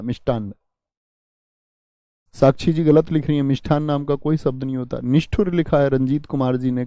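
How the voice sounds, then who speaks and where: A man's voice: medium pitch, warm tone, no echo. A man teaching a live online grammar lesson, patient, repeating key words and answering students by name.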